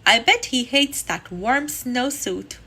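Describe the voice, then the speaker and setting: Timid nervous small boy for a storybook, read by a woman; fretful, high and bright. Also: expressive, slow, husky, exaggerated voice. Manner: worried, fretful.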